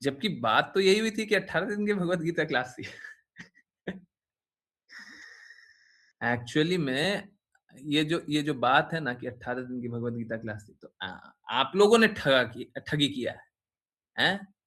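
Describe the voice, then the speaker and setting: A man's voice: fairly high pitch, lively intonation, unhurried, pauses often, fairly bright tone. Man teasing his devotees with tag questions. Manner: teasing, repeats phrases, frequent "हैं?" tag questions. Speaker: spiritual teacher addressing devotees. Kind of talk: informal devotional talk.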